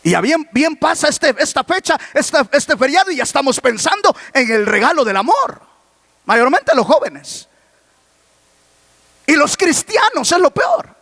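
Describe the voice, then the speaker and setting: A male pastor preaches a sermon, asking the congregation rhetorical questions and breaking into shouts. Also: very high voice, sing-song, unhurried, gravelly, no echo.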